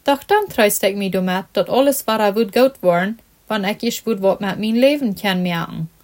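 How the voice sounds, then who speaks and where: A woman's voice: mid-range voice, normal speed, darkish tone, close to an everyday voice. A woman reading as a discouraged young footballer. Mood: dejected.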